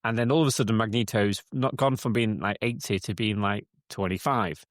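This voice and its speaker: A man's voice: fairly low pitch, fairly even intonation, brisk, no echo, studio quality. A man co-hosting a casual podcast from a cabin in the woods, retelling a film plot with many restarts. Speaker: podcast co-host. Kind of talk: casual chat.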